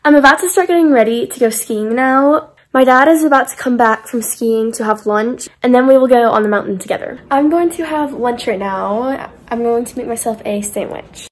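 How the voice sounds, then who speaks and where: A woman's voice: a little high, moderate pace. A teenage girl narrating a casual travel vlog, upbeat as she talks through her day's plans into a phone held at arm's length. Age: teens. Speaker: vlogger. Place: indoor rooms of a condo and a car.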